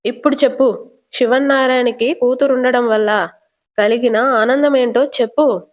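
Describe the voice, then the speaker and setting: A woman's voice: a little high, steady tone, normal speed, lightly acted. Woman voicing a scornful older aunt. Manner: taunting, accusing, scornful. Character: sharp-tongued scolding older aunt, woman.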